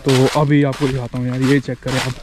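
A man's voice: mid-range voice, little pitch movement, brisk, noisy background. A young man in his twenties vlogging from a forest campsite, talking casually with lots of fillers as he shows viewers around. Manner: chatty, filler-heavy, guiding viewers around. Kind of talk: casual travel vlog. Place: outdoors in a pine forest campsite. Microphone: action camera held at arm's length.

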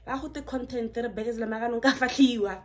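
A young South African woman with a Setswana accent films a haul vlog in her bedroom, chatty and enthusiastic as she switches between English and Setswana. Her voice is a little high, quick and fairly even in intonation, with slight background noise.

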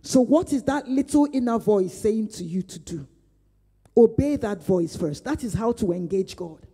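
Speaking at a normal speed with a medium-pitched, mellow and slightly rough voice, a woman pastor runs an animated, conversational Bible study in a church hall whose reverberation is audible. Earnest throughout, she repeats phrases for emphasis and retells her prayers aloud.

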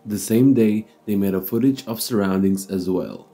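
A man reads a documentary script in a low, very dark and mellow voice. His delivery is steady and measured, with slightly non-native phrasing. Faint music plays beneath the narration. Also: low-quality recording.

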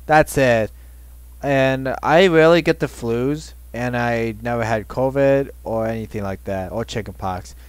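A man's voice: mid-range voice, unhurried, clean tone, dry recording. A man hosting a reaction video, making blunt, jokey remarks in casual talk.

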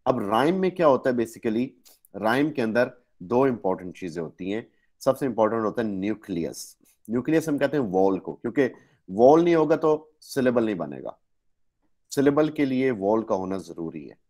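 A man's voice: mid-range voice, lively intonation, moderate pace, darkish tone. A man with a Pakistani accent giving an online lecture, explaining step by step and correcting his own slips. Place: online class.

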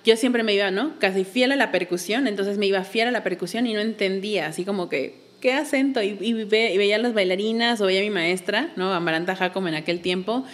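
A woman's voice: mid-range voice, a little fast, few pauses. A woman, a belly dance teacher, explaining patiently in a casual interview and counting beats aloud.

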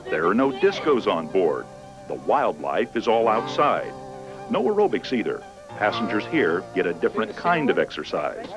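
A man giving scripted promotional narration for a cruise, with a smooth, inviting delivery. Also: lowish voice, sing-song, normal speed, dull audio, music in the background.

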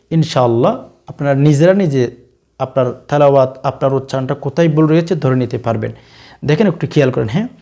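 A man with a Bangladeshi Bengali accent giving a religious talk, coaxing his viewers with repeated questions and breaking into slow, drawn-out chanted recitation. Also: fairly high pitch, mellow. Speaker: Islamic preacher. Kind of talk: religious teaching with Quran recitation.

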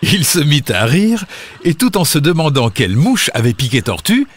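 A man narrating a children's fable, expressive and dramatic. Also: a little high, moderate pace. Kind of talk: scripted storybook narration.

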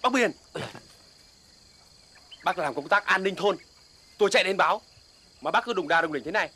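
Brief: an anxious villager, urgent, high lively voice, quick. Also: male voice, a little hiss or hum. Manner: urgent, reproachful. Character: anxious village messenger urging haste. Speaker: villager bringing news. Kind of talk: Vietnamese film drama acting.

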